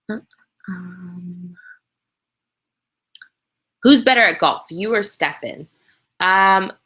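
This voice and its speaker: Her voice sits low with a fairly bright tone. She's a young Canadian woman fielding viewer questions live through a webcam hangout, keeping things casual, candid and chatty, often laughing and dropping plenty of ums.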